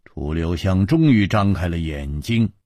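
A man's voice: deep voice, expressive, a little slow, dark tone, no room sound, studio quality. A man telling a traditional serialized story, narrating expressively and dramatically.

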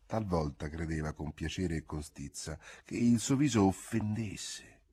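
A man narrating a literary audiobook in a measured, expressive storytelling manner. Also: low voice, slightly rough.

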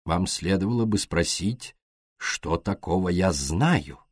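A man doing a soft-spoken, deliberate detective. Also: low-pitched, very animated, slightly rough, no room sound, clean studio sound, full character voice. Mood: probing. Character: shrewd foreign male detective, soft-spoken, courteous.

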